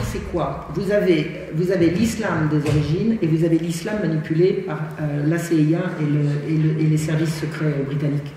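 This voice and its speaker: A woman's voice: sits low, mellow. A woman giving an emphatic talk as an invited guest speaker, often repeating words as she restarts her sentences. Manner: emphatic, frequent word repetitions and restarts. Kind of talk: lecture-style talk to an audience. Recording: echoey hall, distant mic, faint hiss.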